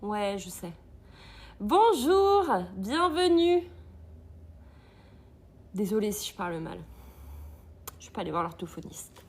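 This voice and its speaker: A woman's voice: lowish voice, fairly even intonation, normal speed, creaky, long pauses, a little hiss or hum. A woman hosting a live cooking stream from an agency kitchen, chatting with viewers, greeting them often and reading their comments aloud.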